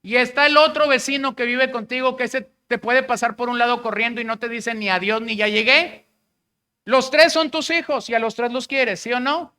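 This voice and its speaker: A man's voice: extremely high pitch, fairly even intonation, fairly quick, few pauses, bright, forceful tone, smooth. A man with a Mexican Spanish accent preaching a sermon as pastor, in a conversational way, acting out the words of the people he quotes.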